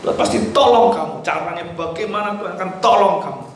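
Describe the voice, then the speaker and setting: A male pastor preaching an animated sermon, swinging between loud and hushed, now and then mimicking pleading voices. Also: sits high, quick pace. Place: church hall. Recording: very echoey church with faint background noise.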